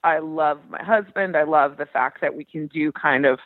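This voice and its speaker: A deep-voiced woman in her thirties, an educator seeking advice, speaks at an ordinary pace over a tinny, thin phone connection. The recording is dry, and her conversation is frank, chatty and self-mocking.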